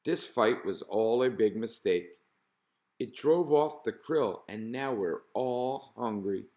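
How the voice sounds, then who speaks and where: A man's voice: medium pitch, takes it slowly, a little mellow, echoey room, natural voice. A man voicing a sensible, earnest male fish who makes peace, in a children's storybook. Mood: pleading.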